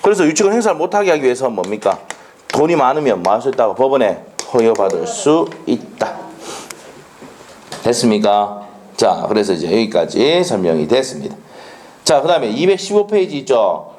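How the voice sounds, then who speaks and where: Lively male law lecturer. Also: medium pitch, a little hiss or hum. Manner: animated, drills students with quick questions. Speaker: law exam instructor. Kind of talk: classroom lecture. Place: lecture classroom.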